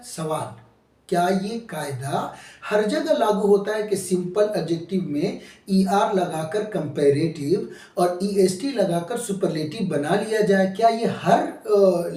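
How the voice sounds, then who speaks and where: A man's voice: sits high, dark tone. Urdu-accented man teaching from a distance. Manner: spells words letter by letter, asks and answers his own questions. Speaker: English grammar teacher. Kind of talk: classroom lecture. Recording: echoey room, mic at a distance.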